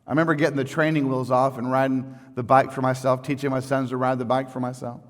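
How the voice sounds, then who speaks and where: A man preaching a sermon as pastor, conversational and folksy, swinging from quiet asides to loud emphatic lines. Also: medium pitch, flat delivery, fast. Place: church sanctuary. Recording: church sanctuary with long reverb.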